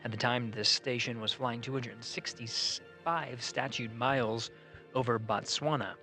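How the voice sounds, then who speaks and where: A man's voice: medium pitch, fairly even intonation, measured pace, pushed and bright, soft background music. A man giving formal live commentary as a mission control announcer.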